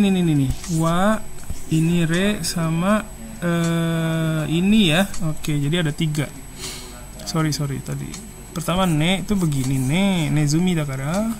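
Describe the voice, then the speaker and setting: A language teacher giving a casual online lesson, chatting and slowly repeating syllables to demonstrate how they sound. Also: mid-range voice, slight background noise.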